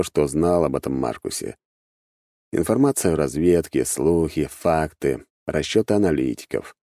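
A man narrating an audiobook in a measured, wry storytelling manner. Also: deep voice, dark tone, dry recording, studio quality.

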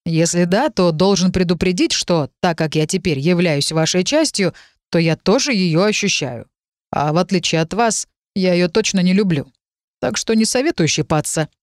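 A woman voicing a calm, curious male dragon who speaks inside the heroine's head, in a matter-of-fact, politely puzzled way. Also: on the low side, moderate pace, no echo, studio quality, close to an everyday voice. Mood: dry curious.

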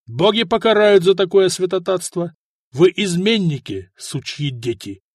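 A man's voice: high-pitched, expressive, unhurried, no room sound, studio quality, voice pushed up. A man reading an audiobook, voicing a stubborn loyal nobleman who angrily curses traitors. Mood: furious. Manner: angry, cursing. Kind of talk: audiobook character voice.

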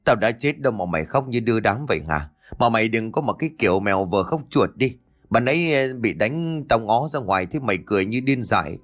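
A man's voice: lowish voice, lively intonation, fast, a bit bright. A man voicing a whiny young male apprentice who pleads and grumbles in a comic story. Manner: whining, pleading.

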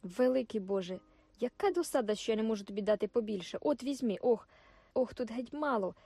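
A woman's voice: fairly high pitch, lively intonation, brisk, vocal fry, dark tone, slightly rough, no echo, faint music behind, full character voice. A woman reading the lines of a brash, dismissive young male soldier, curt and commanding. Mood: hurried.

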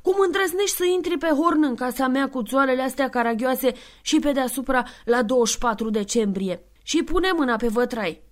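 A woman's voice: sits high, few pauses, voice pushed up, natural voice. A woman reading the lines of a suspicious, threatening father in an audiobook, mocking in tone.

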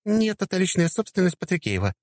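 A man voicing a cheerful young woman student in an audiobook, lifting his voice high and lively. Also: fast talker, dry recording, clean studio sound.

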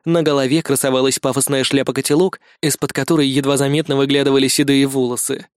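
A male reader narrating first-person fiction in a measured, descriptive way, on a close studio mic. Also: medium pitch, level tone, smooth, dry recording. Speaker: audiobook reader.

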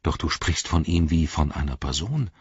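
A man's voice: rumbling low, expressive, normal speed, slightly rough, dry recording, dull audio, exaggerated voice. A man voicing an earnest, eager male elf in an audiobook, lifting his voice above his own.

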